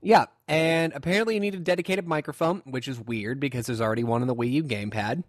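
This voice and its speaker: A man co-hosting a podcast in casual chat, talking loosely and jumping up in pitch when amused. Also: fast talker, dry recording, clean studio sound. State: hiccups. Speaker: podcast co-host.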